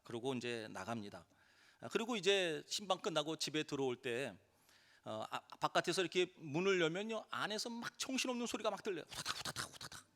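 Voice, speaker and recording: Middle-aged pastor guy preaching, bright voice, bouncy pitch, long church-hall echo. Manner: animated preaching, acts out quoted voices. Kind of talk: sermon. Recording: reverberant church sanctuary.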